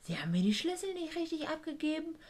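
A woman in a relaxed conversation, recounting her job in residential care. She talks bluntly and swears often. She plays every quoted exchange out loud in her own voice. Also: high voice, quick pace. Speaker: guest recounting a work trip; care worker with a residential group. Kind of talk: casual storytelling chat.

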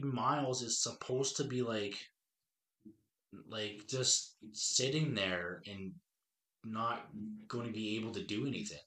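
A man's voice: fairly low pitch, bright, forceful tone. Podcast host, a man in his thirties, eager and rambling, trips over his own sentences. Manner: eager, rambling, with frequent restarts. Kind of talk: casual movie review chat.

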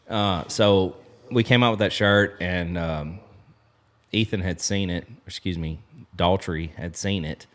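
A man's voice: deep voice, takes it slowly, fairly bright tone. A man in his thirties telling a story as a podcast guest, rambling and loose with lots of filler. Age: 30s. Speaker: podcast guest, apparel business co-founder. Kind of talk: casual storytelling chat. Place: lodge.

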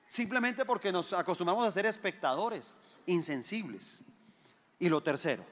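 Male preacher, high pitch, emphatic and repetitive, big echoing hall. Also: a bit bright. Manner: emphatic, repeats phrases, asks the crowd rhetorical questions. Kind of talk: sermon. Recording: long hall reverb.

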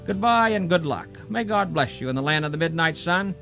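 A man hosting a show and delivering a calm, earnest scripted sign-off. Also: fairly high pitch, brisk, gravelly. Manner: earnest, calm closing blessing. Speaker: radio show host. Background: faint music.

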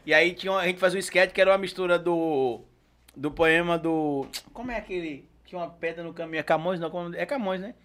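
Northeastern Brazilian accent, man, high bright voice, casual animated storyteller. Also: fast talker. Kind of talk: casual comic chat.

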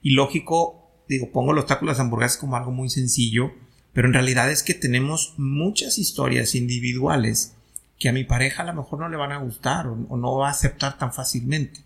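A man's voice: mid-range voice, a little fast, gravelly, fairly bright tone. A man who hosts a talk show and explains ideas with everyday examples, often checking that he is understood. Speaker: host. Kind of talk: conversational teaching.

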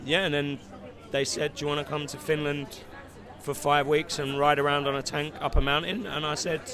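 A man with an English accent, an actor from London, chatting in an outdoor red-carpet interview with relaxed, dry humor. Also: fairly high pitch, normal speed. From London, England. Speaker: actor, guest. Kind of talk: casual interview chat.

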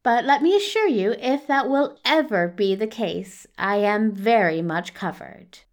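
A woman plays a prim, fussy gentleman with a soft, hushed voice. He answers in clipped, sour, dryly sarcastic lines. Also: medium pitch, animated, a little slow, close to an everyday voice.

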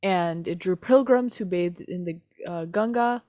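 A young woman with a slightly low voice talks through a book in a loose, chatty way. She mocks herself and laughs often. Her voice sounds close and dry. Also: unhurried, warm tone, dry recording. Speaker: podcast co-host discussing a book. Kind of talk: casual chat.

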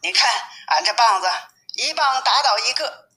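A woman voicing a bold, brash male monkey king who talks loud and cocky in a storybook reading. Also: a little high, expressive, moderate pace, voice pushed up, low-quality recording.

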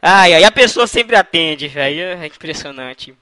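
A man's voice: a little high, expressive, moderate pace, pushed and bright, dry recording. A man making a prank phone call, teasing the person on the line in a playful, mock-innocent way. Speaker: prank caller.

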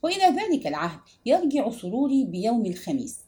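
Expressive woman reading a novel aloud. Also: fairly high pitch, fast talker. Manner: expressive, emotive storytelling. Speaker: narrator.

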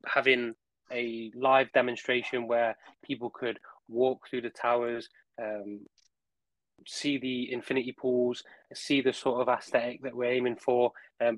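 A man's voice: mid-range voice, fairly bright tone, dry recording, poor audio. A man talking casually as a podcast guest, rambling a little and repeating phrases as he searches for words. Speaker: podcast guest, project representative. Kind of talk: casual conversational recounting.

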